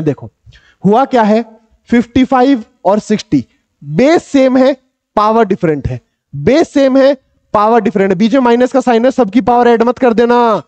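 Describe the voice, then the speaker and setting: A young man teaching a maths lesson in an energetic, coaxing tutoring style, repeating questions back to his students and calling himself their big brother. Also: sits high, no room sound. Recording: dull, slightly lo-fi dry recording.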